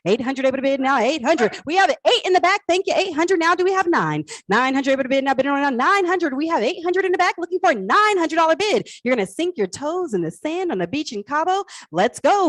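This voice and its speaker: A woman with a high, animated voice works a live auction as auctioneer and host. She repeats her bid prompts playfully and chattily, in a dry, close sound. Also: fast, hardly any pauses, no echo.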